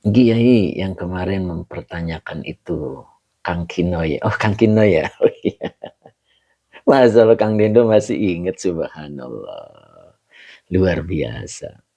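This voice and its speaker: A man's voice: low-pitched, a little slow, warm tone, highs cut off. A man teaching a live online Quran class, chatty, greeting viewers by name and chuckling often.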